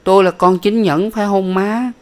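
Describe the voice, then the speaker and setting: A man doing a timid little boy's high voice. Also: fairly even intonation, moderate pace, natural voice. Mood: plaintive. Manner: high, childlike questioning. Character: small boy, about five, timid and sweet.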